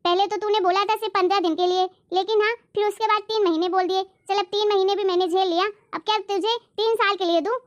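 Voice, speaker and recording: An elder sister out of patience, lecturing and insistent in a homemade family drama. Her voice sits very high and stays sharp with reproach, as a woman acts her out. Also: fairly even intonation, fast, few pauses. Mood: scolding. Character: fed-up elder sister demanding her money back. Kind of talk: acted family drama skit.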